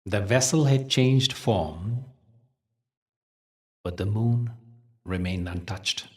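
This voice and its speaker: A male meditation teacher guides listeners through spiritual stories, speaking gently and soothingly at a measured pace with deliberate pauses. His pitch is fairly low, and the microphone sits at a distance.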